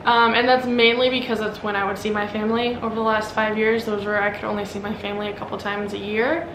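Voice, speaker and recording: Quick-paced and medium-pitched with little pitch movement, this American-accented vlogger in her early twenties, from Omaha, Nebraska, rambles informally through a get-to-know-me Q&A, saying "like" a lot. There's roomy echo and clearly audible background noise.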